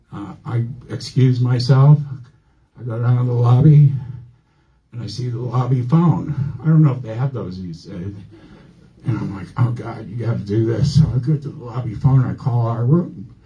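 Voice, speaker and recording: An older man doing a stand-up set on a comedy club stage with a handheld mic, telling rambling, self-deprecating stories. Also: mid-range voice. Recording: dull lo-fi club recording.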